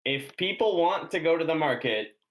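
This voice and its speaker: A man's voice: fairly high pitch, animated, normal speed, poor audio. A man playing a tabletop game, bantering casually with the group.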